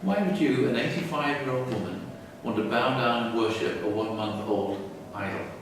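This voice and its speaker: A man's voice: mid-range voice, normal speed, noisy background, close to an everyday voice. A man voicing a blunt, cheeky young man, Abraham, in a matter-of-fact way. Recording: roomy echo, far from mic.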